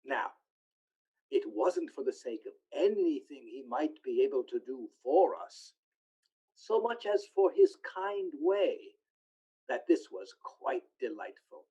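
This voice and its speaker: An actor playing a poor, gentle clerk and grieving father in a radio play, with halting, emotional delivery. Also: mid-range voice, sing-song, breathy edge, exaggerated voice. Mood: fond, cheerful. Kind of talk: stage-style radio play acting. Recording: slightly dull lo-fi recording.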